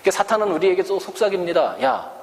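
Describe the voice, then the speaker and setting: A man's voice: mid-range voice, big pitch swings, a little fast. A male pastor from Korea preaching a sermon with rhetorical questions and acted-out quotes. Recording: echoey church hall, faint ambience.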